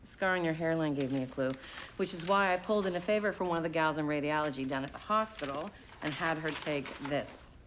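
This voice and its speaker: A woman's voice: sits low, brisk, background noise, lightly acted. An actress playing a dry, wry female doctor in a period TV drama.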